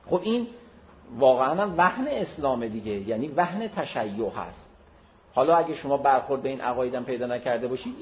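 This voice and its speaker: A man giving a religious lecture, explaining to listeners, with emphatic swings between loud and soft delivery. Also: medium pitch. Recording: dull lo-fi recording.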